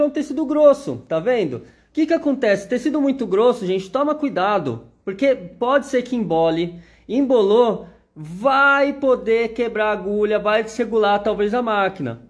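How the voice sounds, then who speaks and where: Brazilian guy showing off sewing machines on a live stream, high voice, keeps saying look here. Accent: Brazilian Portuguese. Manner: chatty, repeatedly pointing things out to viewers. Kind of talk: live product demonstration.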